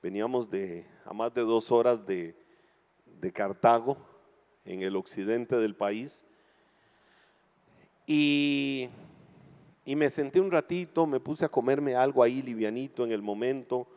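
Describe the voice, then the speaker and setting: A middle-aged Costa Rican man preaching a dramatic sermon, swinging from quiet talk to shouted passages. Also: mid-range voice, a little slow, pauses often, in a large hall. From Costa Rica. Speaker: pastor.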